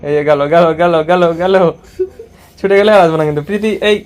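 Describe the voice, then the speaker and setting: A man's voice: high-pitched, fairly quick, clean tone. A man filming a casual home vlog, teasing and coaxing a child in a playful way, often repeating his words. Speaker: vlogger.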